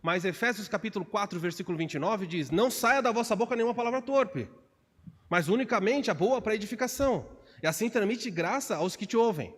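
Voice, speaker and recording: A man with a Brazilian Portuguese accent preaches from the pulpit in a fairly high voice. He is animated and slips into different voices to act out quotes. A long church-hall reverb trails after every phrase. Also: a little fast, breathy edge. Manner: animated, acts out quotes with shifts of voice. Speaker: pastor. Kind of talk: expository sermon. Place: church sanctuary.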